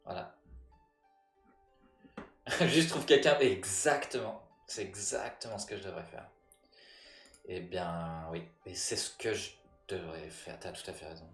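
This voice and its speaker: Slow, joking man with a French accent. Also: sits low, echoey room, recorded from a distance, faint music behind. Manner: joking, self-mocking, sarcastic. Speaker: illustrator streaming his work. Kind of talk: casual livestream chat with viewers.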